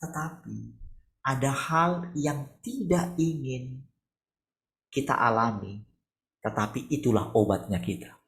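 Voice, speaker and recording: Pastor, male, gravelly, conversational sermon on a video call, soft to raised. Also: medium pitch, slow pace, long pauses. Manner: conversational preaching, rhetorical questions, shifts between soft and raised voice. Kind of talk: morning devotional sermon over video call.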